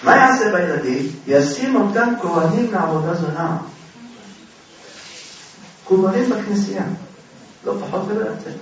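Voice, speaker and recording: Male Torah teacher, animated storyteller with rhetorical questions; high voice, muffled, faint hiss behind. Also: pauses often. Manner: animated, fires rhetorical questions and answers them. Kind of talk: religious lesson with dramatic storytelling. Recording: very echoey, distant, dull hall recording.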